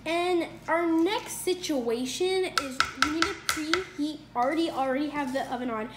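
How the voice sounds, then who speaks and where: This young woman has a high voice and keeps a moderate pace while hosting a casual cooking video at home, upbeat and chatty with lots of fillers and self-corrections. Her phone, set across the counter, captures the kitchen's echo and noise.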